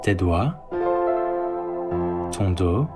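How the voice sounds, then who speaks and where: A man leading a guided sleep meditation and bedtime story, speaking softly and calmly. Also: sits low. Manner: slow, soft, calm guiding delivery. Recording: soft ambient synth music underneath.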